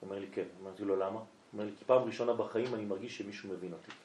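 A man's voice: on the low side, fairly even intonation, darkish tone, slight background noise. A man, a rabbi, telling a story during a night lesson and acting out both sides of a conversation. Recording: echoey room.

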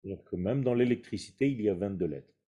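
A man's voice: lowish voice, lively intonation, fast, mellow, breathy edge, dull audio. A man giving a spoken Kabbalah lesson, explaining patiently with rhetorical questions and Hebrew terms mixed in. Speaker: Kabbalah teacher.

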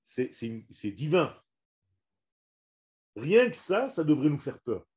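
A man gives a religious lesson on the Hebrew language to a few listeners. He talks slowly, with a mellow, dark tone, and keeps repeating and restarting his words. He leans hard on each Hebrew term. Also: fairly high pitch, sing-song. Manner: slow, emphatic, repeats and restarts words, stresses Hebrew terms. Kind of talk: religious lesson to a small audience.

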